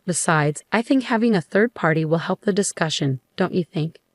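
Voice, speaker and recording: A woman's voice: on the low side, lively intonation, normal speed, dry recording, clean studio sound. A woman voicing a protective husband who speaks in a firm, polite way. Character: protective, calm new husband.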